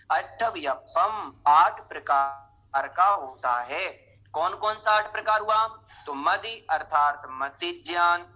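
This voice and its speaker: Bright high-voiced male teacher. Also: muffled recording. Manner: slow explaining, chants verses line by line for students to repeat. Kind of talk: scripture lesson with chanted recitation.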